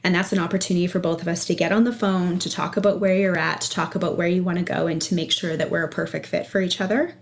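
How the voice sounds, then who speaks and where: A woman's voice: lowish voice, fairly even intonation, fast talker, hardly any pauses. A woman speaking as a coach and interview guest, explaining her approach conversationally. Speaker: energy and life coach, podcast guest.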